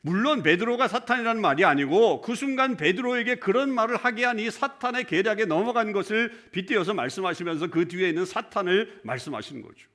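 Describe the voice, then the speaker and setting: A man's voice: high voice, fairly bright tone. A male pastor giving a conversational sermon in church, often putting questions to the congregation. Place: church sanctuary.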